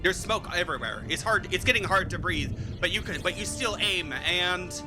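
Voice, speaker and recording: A man's voice: high voice, expressive, normal speed. A man narrating as game master of a tabletop game, often restarting mid-sentence as he describes scenes. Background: faint music.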